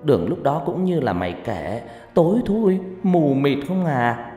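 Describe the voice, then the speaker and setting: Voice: mid-range voice, very animated, a little slow, mellow, voice pushed up. A narrator voicing an anxious, protective village mother who stammers in alarm. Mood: fearful telling. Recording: echoey reverb with background music.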